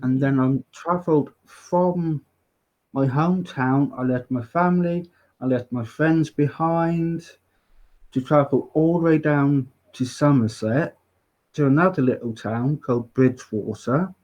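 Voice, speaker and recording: A man from Norfolk with a Norfolk accent touched by West Country, chatting casually and haltingly as an interview guest. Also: mid-range voice, darkish tone, lo-fi sound. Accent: Norfolk with a little West Country. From Norfolk, East Anglia, England. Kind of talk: casual chat.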